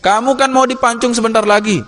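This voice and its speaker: A man's voice: very high voice, fairly even intonation, fast talker, a bit bright, voice pushed up. A man doing a sly, coaxing devil. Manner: casual, slangy, soothing and coaxing. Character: sly male devil, smooth-talking tempter.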